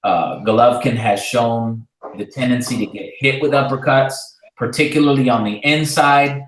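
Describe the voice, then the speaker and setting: A man co-hosting a live boxing talk show, breaking down fights in a measured, analytical way with frequent fillers. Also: medium pitch. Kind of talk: casual live-stream discussion. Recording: echoey room.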